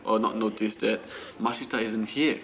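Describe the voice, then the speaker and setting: A man's voice: fairly low pitch, steady tone, normal speed, a bit bright, slight background noise. A young man hosting a casual podcast, laughing often and stumbling through restarts. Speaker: podcast host. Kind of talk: casual chat.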